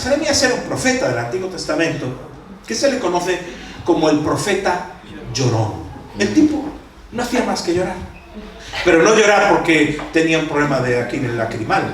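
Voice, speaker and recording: An older man preaching a sermon as a pastor, telling a story with lively voices for the people he quotes. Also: on the high side, a little hiss or hum. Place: church hall. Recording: echoey church from far off.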